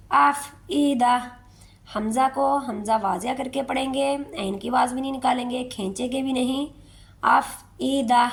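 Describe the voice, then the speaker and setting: Lady tajweed teacher, kinda high voice w gravelly edge, keeps asking "okay?". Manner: checks in often with a rising "okay?", repeats each word slowly. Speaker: Quran recitation teacher. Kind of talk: tajweed lesson, explaining rules then reciting verses slowly.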